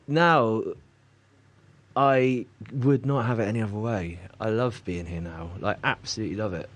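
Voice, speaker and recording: A man's voice: mid-range voice, fairly bright tone, a little hiss or hum. A man talking in a casual conversation, rambling and hesitant with many fillers and frequent laughs. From Cornwall, England. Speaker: artist guest.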